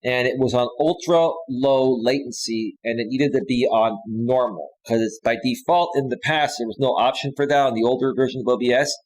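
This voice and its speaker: A man in his forties talks off the cuff on his own live stream, looping back and restarting his sentences. His voice sits at an ordinary middle pitch. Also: brisk, few pauses, darkish tone, rough recording. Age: 40s. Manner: rambling, with frequent restarts and fillers. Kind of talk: casual live stream talk.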